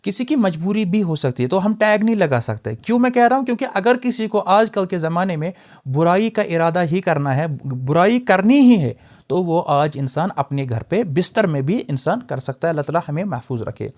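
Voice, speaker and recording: A man's voice: sits high, lively intonation, a little mellow. A young man teaching an Islamic lesson, explaining terms carefully and slipping into English mid-sentence. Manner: spells out and contrasts word pronunciations. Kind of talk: religious lecture.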